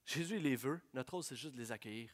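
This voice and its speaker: A young man preaching a sermon, telling stories in an animated way and slipping in English phrases. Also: medium pitch, fast. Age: young adult.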